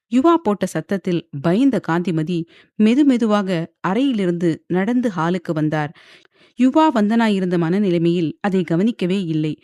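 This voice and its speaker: A woman narrates an audio novel in a steady, dramatic storytelling voice. Her pitch sits in the middle range. The sound is close and dry, with no room echo.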